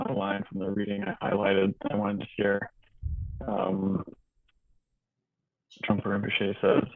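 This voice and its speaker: A man in an online discussion group shares his thoughts in a halting, reflective way while his call audio keeps breaking up and cutting out. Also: on the low side, gravelly, no room sound. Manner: halting and reflective, many ums and restarts. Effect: choppy audio breaking up and cutting out. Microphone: video call mic. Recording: tinny, dry, glitchy call audio.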